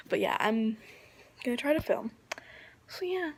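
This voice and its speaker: A woman's voice: fairly high pitch, big pitch swings, slow pace, husky. A teenage girl vlogging casually, rambling and giggling, often dropping to a whisper. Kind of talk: casual vlog chat.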